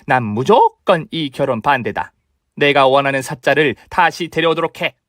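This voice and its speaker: Guy doing a bossy snobby older mother-in-law, scolding, kinda high, dry close sound. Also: expressive, normal speed, a bit bright, dry recording. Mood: scornful. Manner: scolding, contemptuous. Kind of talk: dramatized story reading.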